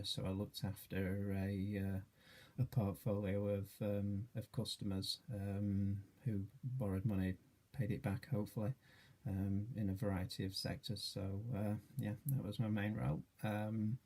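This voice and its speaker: Low, gravelly, husky middle-aged man. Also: a little mellow. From Yorkshire, England. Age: 40s. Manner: hesitant, many fillers, modest. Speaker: charity trustee and treasurer. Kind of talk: self-introduction video.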